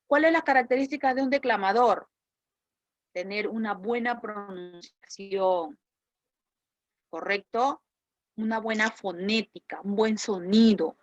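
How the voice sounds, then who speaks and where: A woman's voice: medium pitch, measured pace, pauses often, dry recording, muffled recording. A woman teacher with a Peruvian Spanish accent, explaining a lesson in an online class and checking with her students as she goes. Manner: explanatory, asks students questions and checks with "¿correcto?".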